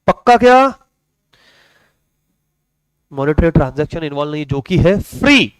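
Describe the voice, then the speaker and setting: This young man's slightly high voice is sing-song, unhurried and clean as he gives a relaxed online commerce lecture. He jokes around and addresses his students as "beta", and the low-quality recording has no echo.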